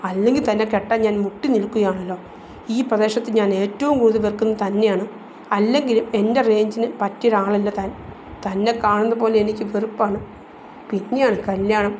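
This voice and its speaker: A proud, sharp-tongued young woman of twenty who pleads but refuses to bend, as a woman narrator voices her. Her voice sits at an ordinary middle pitch. It is told as part of a spoken storybook. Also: fairly even intonation, a little fast, lo-fi sound, a little hiss or hum, close to an everyday voice. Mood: scornful.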